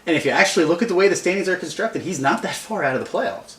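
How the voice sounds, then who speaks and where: A man's voice: sits high, expressive, rapid-fire, a bit bright, roomy sound, recorded from a distance. A man co-hosting a casual fantasy sports talk show, chatty and emphatic as he argues his point. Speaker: podcast co-host.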